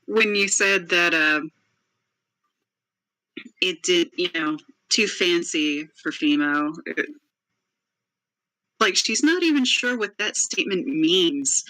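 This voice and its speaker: Tabletop player, bright tone, dry close sound, hesitant. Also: mid-range voice, expressive, slow, long pauses, no echo, low-quality recording. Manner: casual, laughing, hesitant. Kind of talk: in-character tabletop play.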